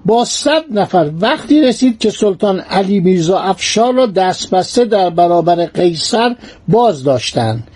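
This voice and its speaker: High-voiced, mellow male history storyteller. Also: slightly rough. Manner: lively narration mixing formal and colloquial speech.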